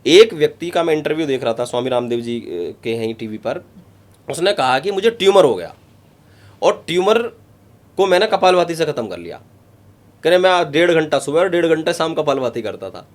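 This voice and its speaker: An emphatic yoga guru, a man, explaining breathing practice in an interview. His voice sits a little high for a man. He repeats key points and lays them out step by step. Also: animated, brisk. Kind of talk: instructive interview talk.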